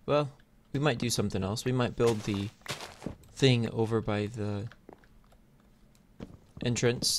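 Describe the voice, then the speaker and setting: A gaming YouTuber with a lowish, creaky voice offers casual gameplay commentary, laid-back and hesitant as he thinks aloud. His noisy mic picks up clicks and typing.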